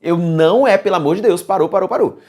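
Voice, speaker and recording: A man with a Brazilian Portuguese accent teaches an exam-prep grammar lesson, speaking fast in a high-sitting voice. He is lively and coaxing, repeats key words, and keeps checking in with his students by asking "beleza?"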